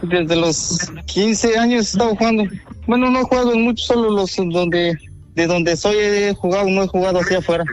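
Answer as a Guatemalan man in his twenties over the phone, a bit high and unsure, keep replies short. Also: steady tone, normal speed, smooth, faint music behind, poor audio. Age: 20s. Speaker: prank call target. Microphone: phone call.

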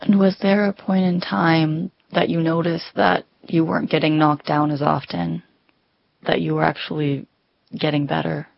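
A man interviewing a guest, asking measured, probing questions. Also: on the high side, little pitch movement, gravelly, no room sound. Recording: dry, dull lo-fi sound.

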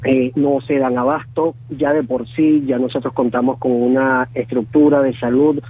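A Venezuelan man in his thirties with a Venezuelan Spanish accent, speaking as a guest in a phone interview, halting and full of fillers and restarts. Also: medium pitch, flat delivery, breathy edge, no room sound. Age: 30s. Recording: tinny phone line.

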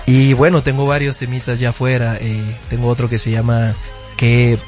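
A man's voice: mid-range voice, level tone, normal speed, a little mellow, highs cut off. A young man from Guatemala, a musician guest on a radio show. He talks in a friendly, easygoing way in a studio booth. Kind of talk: casual radio interview. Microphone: studio microphone. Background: faint music.

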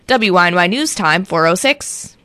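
A woman reading the local news and weather on the radio in a smooth, polished broadcast delivery from a script. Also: lowish voice, moderate pace, no room sound. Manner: polished, even-paced read from script.

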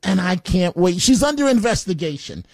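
A man's voice: high-pitched, very animated, normal speed, a little mellow, dry recording. Combative talk radio man, dry close sound. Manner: chatty, combative, with frequent fillers. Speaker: radio talk show host. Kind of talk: opinionated talk radio monologue.

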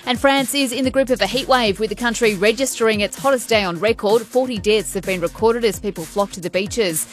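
An Australian woman reads a scripted radio news bulletin. Her voice is a little high, with light music behind it. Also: fairly quick, few pauses. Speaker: radio newsreader.

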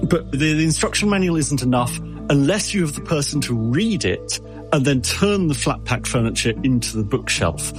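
A man's voice: on the high side, animated, moderate pace, music in the background. A man answering an interviewer as an expert, explaining with analogies and often stumbling over repeated words. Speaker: expert guest.

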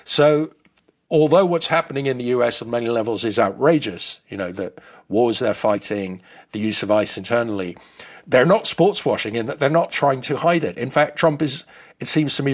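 A man's voice: mid-range voice, lively intonation, moderate pace. A man in his fifties who grew up in the Netherlands, explaining his views in a thoughtful way as an interview guest. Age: 50s.

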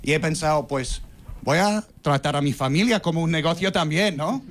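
A man's voice: on the high side, moderate pace. An American man in his thirties doing a stand-up comedy set with dry, punchy joke delivery. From United States.

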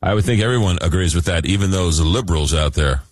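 A man hosting a call-in radio show, reading listener texts and taking calls in a smooth radio host delivery. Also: sits low, quick pace, no room sound, clean studio sound. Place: radio studio.

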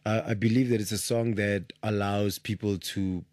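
A man in his late twenties talks through the ideas behind his music. He sounds calm and thoughtful, with a low voice. The recording is dry and close. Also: dry recording. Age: 20s. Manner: measured, reflective explaining. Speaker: musician guest. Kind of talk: casual interview answers.

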